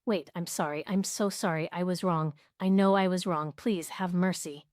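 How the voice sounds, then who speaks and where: Woman narrator doing a desperate stepmother: tearful, begging, low voice, dry read. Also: fairly even intonation, moderate pace, a little mellow, no room sound, natural voice. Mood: pleading, tearful. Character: pleading middle-aged stepmother, desperate and broken.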